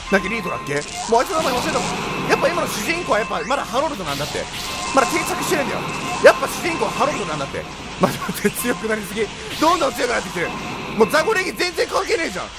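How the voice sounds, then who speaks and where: Excitable, fast, high-pitched man. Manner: excitable, loud, teasing. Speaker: let's play commentator. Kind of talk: game commentary. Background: loud game music.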